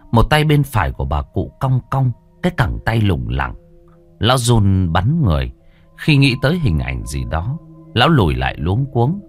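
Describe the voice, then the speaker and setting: A man narrating a ghost story with a dramatic, drawn-out delivery. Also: on the low side.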